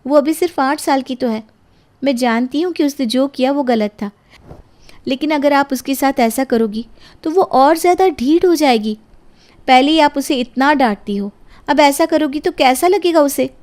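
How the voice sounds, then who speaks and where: A woman voicing a calm, kind aunt in a cartoon storybook, speaking gently. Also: sits high, moderate pace, close to an everyday voice. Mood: soothing. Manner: gentle, soothing.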